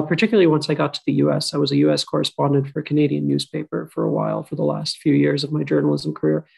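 A man who grew up in Qatar speaks as an author on a panel over a video call from a room at home, coming across thoughtful and self-deprecating. His voice is fairly high, creaky and darkish with a breathy edge. The webcam audio is poor.

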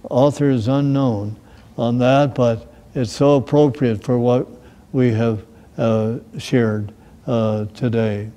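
Older American pastor, slow measured sermon delivery, mellow low-key tone. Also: male voice, steady tone, highs cut off. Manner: slow, measured reading of scripture and verse. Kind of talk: sermon with scripture reading and prayer. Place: small church room with plants behind.

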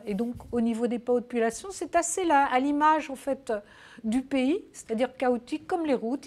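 A woman answering interview questions in a casual, hesitant way, with many fillers and restarts. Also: on the high side. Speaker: interview guest.

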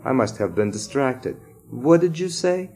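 A man voicing a sweet-talking but quietly cruel woman substitute teacher in a children's story. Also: medium pitch, animated, measured pace, voice pushed up. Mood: sweetly sly. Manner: sweet, gushing, raised voice.

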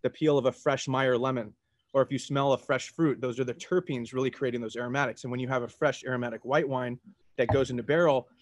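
A man's voice: mid-range voice, steady tone, fast, dry recording. A man in his thirties casually explaining wine in the manner of sommelier tasting notes. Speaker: wine expert. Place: outdoors at a garden table.

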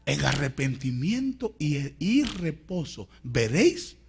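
Raspy preacher man swinging shout to whisper. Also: on the high side, big pitch swings, slow pace. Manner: addresses listeners as hermano. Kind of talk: sermon.

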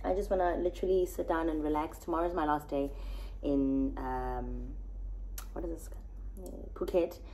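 A woman in her twenties vlogging casually to a phone camera in a hotel room, chatty and animated, with bursts of excitement. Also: deep voice, moderate pace, a little hiss or hum, low-quality recording. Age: 20s. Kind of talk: casual vlog chat to camera. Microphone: phone camera at arm's length.

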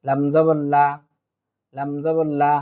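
A man teaching Quran reading, going letter by letter through each verse and then chanting it whole. His voice is dark and mellow, set a little high for a man, and he speaks very slowly and patiently, as if to beginners. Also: little pitch movement, clear, resonant tone, dull audio. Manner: spells letters and vowel marks one by one, then chants the joined verse; patient, addresses students directly. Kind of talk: slow spelled-out Quran reading lesson.

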